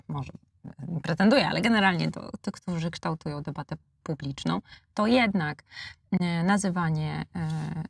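A woman's voice: lowish voice, gravelly, a little mellow, dry recording. A woman in her forties with a Polish accent, a debate guest who speaks hesitantly with many fillers and restarts, on a lapel mic in a studio. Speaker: debate guest, international relations expert. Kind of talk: panel debate. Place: studio with blue backdrop.

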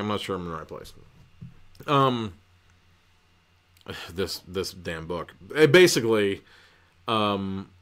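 A man's voice: fairly low pitch, a bit bright. Rambling, profane man recapping a book. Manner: rambling, profane, lots of fillers. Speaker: podcast host reviewing books.

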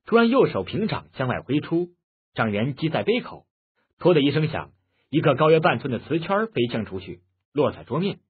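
A man narrating a martial-arts novel audiobook in an expressive storytelling manner. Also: on the high side, brisk, breathy edge. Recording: muffled phone-like lo-fi audio.

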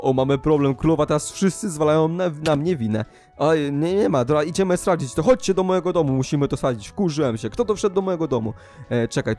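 A young man giving excited commentary over his gameplay, often jumping into high, loud outbursts. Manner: animated, jumps into high excited shouts. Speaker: Minecraft YouTuber.

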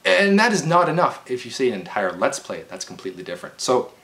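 This man's voice is medium-pitched, sing-song and quick, with a slightly bright quality. A video game vlogger in his 20s, he vents to camera from an indoor living room in an exasperated, emphatic, unplanned rant full of stammers and restarts. The webcam or camera sits about an arm's length from him.

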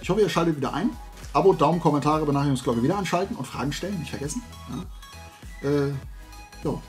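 Speaking quickly in a voice on the high side, the host of a YouTube toy collecting channel rambles to camera in an animated, casual, opinionated way, colloquial and emphatic. He's in a small indoor room lined with shelves of toys, with faint music behind.

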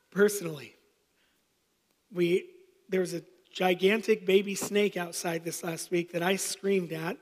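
A man's voice: high voice, in a large hall. A man in his thirties, a pastor preaching, telling a personal story with self-deprecating humor. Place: church sanctuary.

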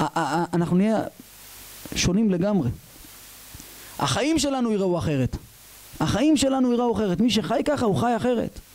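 Man, rabbi, sermon storytelling, high pitched, mellow tone, acts out dialogue, questions the audience. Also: poor audio.

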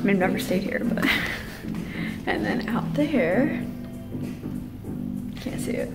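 A young woman from eastern Pennsylvania vlogging casually on a handheld phone while she walks through shops and sits in a car, bubbly, excitable and giggly. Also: mid-range voice. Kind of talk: casual vlog. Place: walking outdoors, in shops and a car. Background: music.

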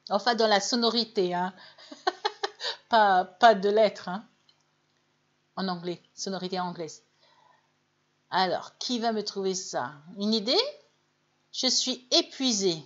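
Slow-talking woman teaching English live. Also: medium pitch, highs cut off. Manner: chatty, encouraging, reads viewers' names and corrects them; stretches out English model phrases slowly. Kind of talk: live online English lesson in French.

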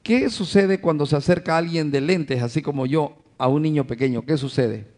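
A pastor preaches in a fairly high male voice, calling his listeners brothers. He leans on rhetorical questions and acts out little scenes of home life to drive each point home. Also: moderate pace, darkish tone. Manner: addresses the congregation as brothers. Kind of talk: sermon.

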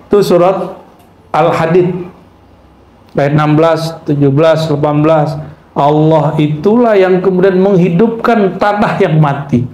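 Man, religious lecturer, humorous, quizzes listeners, recites Arabic, fairly high voice, roomy echo. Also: a little slow, darkish tone. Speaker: Islamic mysticism teacher. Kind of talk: religious lecture to a live audience. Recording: echoey room with faint background noise.

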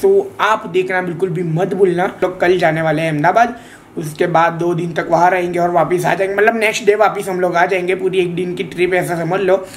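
A man's voice: high-pitched, steady tone, fairly quick, a little hiss or hum. A young man casually chatting to his viewers in a home vlog, playful and talkative. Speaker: vlogger.

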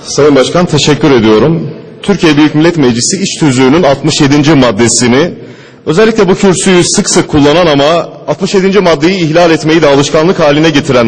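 A man giving a stern, measured speech at a podium microphone in a large parliament chamber. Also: a little high, breathy edge. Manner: stern, measured, emphatic oratory. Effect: speaking at a podium microphone. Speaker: member of parliament. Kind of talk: formal speech from a parliament rostrum. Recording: long hall reverb in a large chamber.

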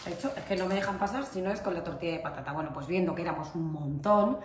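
A woman with an accent from Spain, telling a story to camera in a chatty, animated way, full of fillers and asides. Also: on the low side, fast talker. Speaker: vlogger. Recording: echoey room with faint ambient noise.

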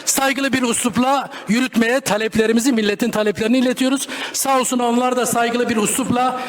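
A man with a very high voice speaks at a podium microphone in a parliamentary debate. He argues point by point, combative and insistent, and scolds anyone who interrupts. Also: fairly even intonation, fast. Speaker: member of parliament, group deputy chair.

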